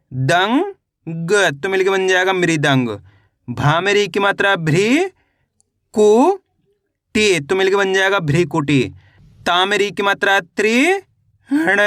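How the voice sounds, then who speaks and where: A man teaching children to read, spelling out each syllable slowly and then blending it into the whole word. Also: high-pitched, pushed and bright, no room sound, studio quality. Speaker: Hindi reading teacher. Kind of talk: slow syllable-by-syllable reading lesson.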